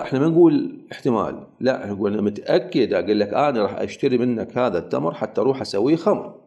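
A man's voice: medium pitch, mellow, lo-fi sound. A man with an Iraqi Arabic accent, teaching a lecture that explains a legal text through everyday examples and rhetorical questions. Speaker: religious teacher.

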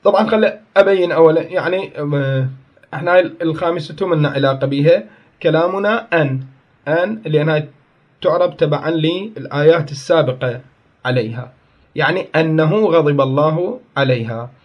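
Man teaching grammar, higher-pitched. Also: a little fast, highs cut off. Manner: explains step by step, asks and answers his own questions; tells students to pay attention and write it down. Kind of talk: Arabic grammar lesson.

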